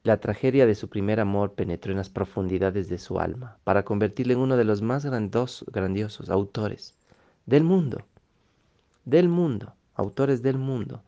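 Emphatic male motivational speaker, mellow low voice. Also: normal speed, highs cut off. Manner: emphatic, repeats key phrases, checks in with rhetorical "¿sí?". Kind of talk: motivational lecture.

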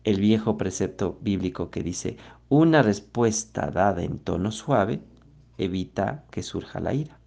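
A man giving a motivational talk on social success, speaking with slow, deliberate emphasis and asking rhetorical questions. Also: low-pitched, animated, creaky, a little mellow. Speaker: self-improvement speaker.

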